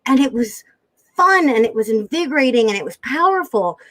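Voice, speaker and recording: A woman's voice: high voice, lively intonation, fairly quick, fairly bright tone, low-quality recording. A woman sales coach speaking as a guest in an interview, emphatic and stacking words for effect. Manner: emphatic, builds lists of words. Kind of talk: animated interview talk.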